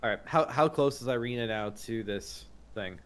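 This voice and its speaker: A man's voice: medium pitch, normal speed, a bit bright. A man playing a tabletop game, speaking hesitantly with many fillers. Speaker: player. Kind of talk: casual tabletop play.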